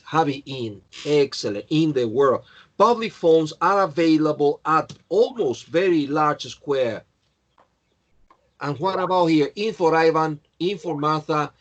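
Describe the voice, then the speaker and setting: A man teaching an English class, going through answers and correcting students by name in a patient way. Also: on the high side. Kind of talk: online class, checking answers.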